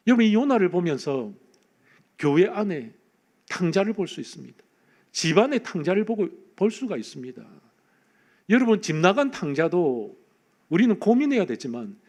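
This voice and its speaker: A man's voice: high voice, darkish tone. A man pastor preaching a Sunday sermon in church, speaking emphatically and addressing the congregation directly. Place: church sanctuary.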